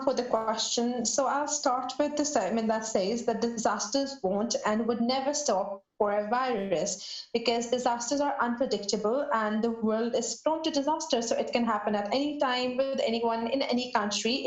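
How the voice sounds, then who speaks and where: A woman on a podcast panel answering a question off the cuff, pausing, restarting and searching for words. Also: fairly high pitch. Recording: roomy, dull lo-fi sound.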